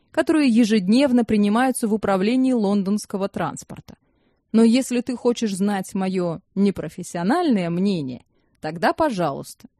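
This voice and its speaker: Woman reading as an older guy, dry and sarcastic, slow fancy talk, storybook. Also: mid-range voice, warm tone, no room sound, lightly acted. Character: sardonic older man, grandiloquent.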